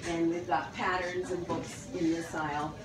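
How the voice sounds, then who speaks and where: A woman's voice: on the low side, little pitch movement, normal speed. A woman guiding an informal tour, explaining things as she goes, recorded in a large indoor warehouse. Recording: echoey, noisy warehouse, distant microphone. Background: loud warehouse ambience.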